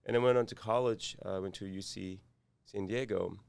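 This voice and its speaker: Korean accented guy on a podcast, deep gravelly voice, lots of uhs and restarts. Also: steady tone, darkish tone, no room sound. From South Korea. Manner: halting, many fillers and restarts. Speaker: guest, cybersecurity firm founder. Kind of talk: podcast interview.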